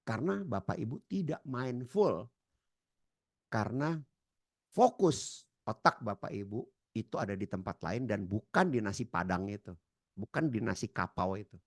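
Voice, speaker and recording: A man giving a seminar lecture, addressing the audience directly and acting out quoted dialogue with sudden loud, high outbursts. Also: expressive, moderate pace, no room sound, clean studio sound. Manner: addresses audience as Bapak Ibu. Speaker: trainer.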